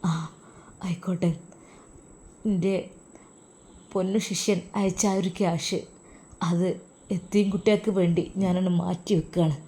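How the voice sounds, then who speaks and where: Woman voicing a hushed tender old religious teacher. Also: fairly low pitch, fairly even intonation, a little slow, long pauses. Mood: tender, blessing.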